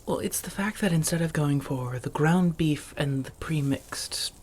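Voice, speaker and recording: Warm and impressed, a woman with a low, unhurried voice carrying a little hiss or hum portrays a vampire roommate in an ASMR roleplay. The character is refined and affectionate, delivered softly and often nearly whispered, with formal language and coy endearments.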